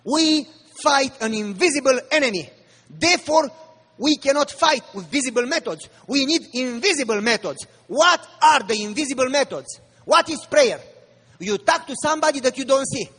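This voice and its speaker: A man's voice: very high voice, a bit bright. A man preaching a sermon, speaking emphatically and firing rhetorical questions at the congregation. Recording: long reverb of a large hall.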